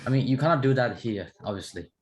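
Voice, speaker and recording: A man's voice: medium pitch, animated, fast. A young man from Myanmar with a Burmese accent, chatting informally as a student and repeating words as he goes. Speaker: English student. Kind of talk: casual class discussion.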